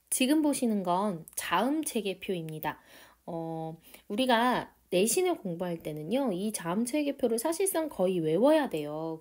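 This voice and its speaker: A female teacher gives an online grammar lesson in a cheerful, emphatic way. Her pitch swings widely as she stretches out key terms. The voice itself is mellow and warm rather than bright. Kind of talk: online lecture.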